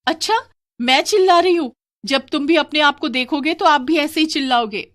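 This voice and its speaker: A woman voicing an indignant wife in a cartoon, shrill and sharp. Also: moderate pace, dry recording, studio quality.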